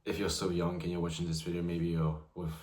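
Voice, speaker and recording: Speaking brisk and completely flat, this young man's voice sits low with a slightly mellow quality, and the room sounds roomy. He's a nineteen-year-old vlogger chatting loosely to camera about himself, full of "you know" fillers.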